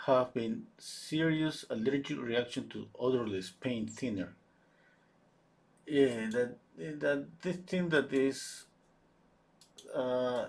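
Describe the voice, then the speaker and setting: A man hosting a live oil-painting stream. He thinks aloud while he paints, answers viewers' chat, and often restarts his sentences. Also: mid-range voice. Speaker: painting livestream host.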